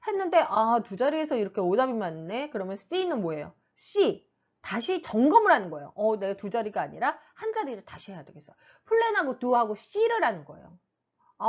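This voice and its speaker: A middle-aged woman teacher talks casually to parents in a fairly high, very lively voice that swings up and down. She slips into quick acted asides of children and mothers. The recording sounds a little dull and lo-fi. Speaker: reading teacher giving parenting advice. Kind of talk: casual explanatory talk to parents.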